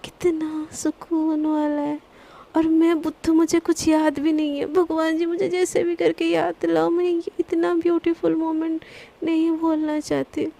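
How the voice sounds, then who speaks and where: A woman voicing a shy young woman in love, speaking softly and gently. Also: very high voice, little pitch movement, measured pace, gravelly, exaggerated voice. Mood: dreamy.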